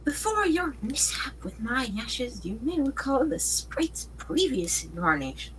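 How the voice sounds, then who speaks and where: A man's voice: very high-pitched, very animated, measured pace, fairly bright tone, a little hiss or hum, heavily acted, rough recording. A man putting on a doting, mysterious elderly grandmother spirit while reading a webcomic aloud, speaking theatrically and teasing sweetly. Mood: cryptic, grandmotherly.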